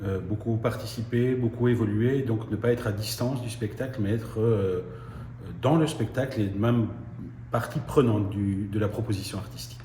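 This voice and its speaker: Low-voiced theatre artist man, halting careful answers, roomy sound. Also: warm tone, slight background noise. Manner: hesitant, careful, many fillers. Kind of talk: interview testimonial.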